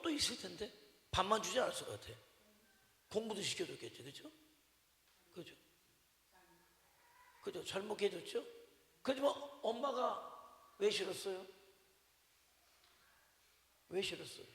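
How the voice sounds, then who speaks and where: At a Wednesday evening service, a pastor speaks to his congregation in a high, gravelly, fairly bright voice. His sermon is conversational, peppered with repeated questions and humorous stories about his mother, and the sanctuary's long reverb makes it echo.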